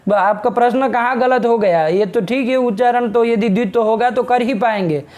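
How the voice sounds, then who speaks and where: Brisk, scolding Sanskrit grammar teacher. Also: male voice, extremely high pitch, darkish tone. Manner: brisk, scolding, presses the student to speak plainly. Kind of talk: online grammar class.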